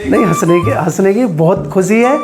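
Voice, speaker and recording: A man, a teacher, giving an earnest, halting speech at a small celebration, with many fillers. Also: high-pitched, over loud music.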